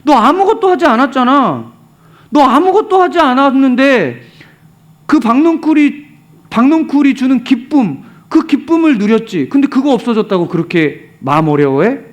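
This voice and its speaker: A preacher acting out God as a stern but caring father, raised pitch, scolding in pointed rhetorical questions. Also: very animated, normal speed. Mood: reproachful. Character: scolding God, fatherly male deity, blunt and pleading.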